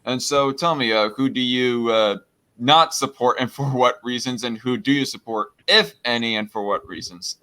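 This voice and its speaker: A young man hosts a casual political stream in a bright, smooth voice. He talks hesitantly, padding his lines with fillers, and sounds like he is on a voice call. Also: mid-range voice, normal speed. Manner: hesitant, laughing, many fillers. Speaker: stream host.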